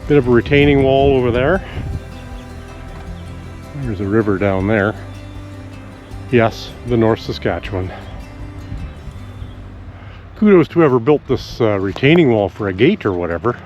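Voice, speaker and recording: A man vlogging outdoors on a country walk, musing aloud in a relaxed, rambling way with pauses as he thinks. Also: medium pitch, muffled recording, soft background music. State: out of breath after a steep climb.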